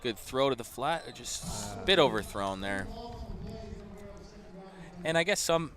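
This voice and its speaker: A man's voice: medium pitch, a little slow. Chatty football play-by-play man. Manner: chatty and rambling, rising to excited shouts on big plays. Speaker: play-by-play commentator. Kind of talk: live football commentary. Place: outdoor football stadium. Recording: live stream from a stadium crowd. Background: crowd.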